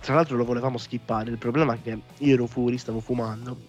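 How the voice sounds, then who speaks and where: A man hosting a casual talk show, ranting in an animated, exasperated way and swearing freely. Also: mid-range voice, fast. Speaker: podcast host. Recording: muffled lo-fi audio with music behind. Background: background music.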